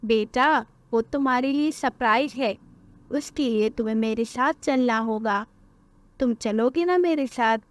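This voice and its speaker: A woman voicing a sly male thief who sweet-talks children in a cartoon story, with a coaxing, quick manner. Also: fairly high pitch, no room sound, close to an everyday voice.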